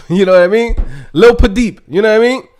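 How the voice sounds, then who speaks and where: High-voiced and slightly fast, this Dominican man has a somewhat dark tone as he rants motivationally and casually to his audience. He works as a YouTube host and developer coach, and his style is emphatic and streetwise, heavy on slang and tag questions.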